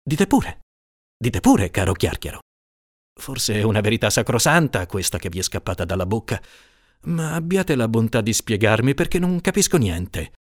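A man's voice: fairly low pitch, sing-song, normal speed, no room sound, clean studio sound. A man reading aloud, voicing an exasperated middle-aged judge who exclaims in a raised, incredulous voice.

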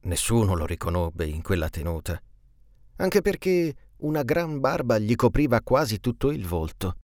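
A man reading a classic tale aloud with an expressive storytelling delivery. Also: mid-range voice, moderate pace, no room sound, studio quality.

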